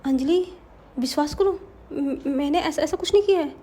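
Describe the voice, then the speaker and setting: Woman doing a young woman's ghost, high voice, mellow tone, soft stammering pleas. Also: moderate pace, slight background noise, close to an everyday voice. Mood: pleading. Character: murdered young woman's ghost, pleading, insistent.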